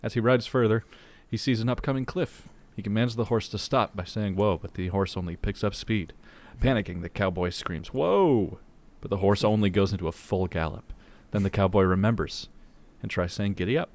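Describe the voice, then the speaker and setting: Low-voiced man reading jokes aloud. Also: fairly even intonation, brisk, few pauses, a little mellow. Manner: reads jokes aloud with laughing asides. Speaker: podcast co-host reading jokes. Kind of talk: casual podcast banter.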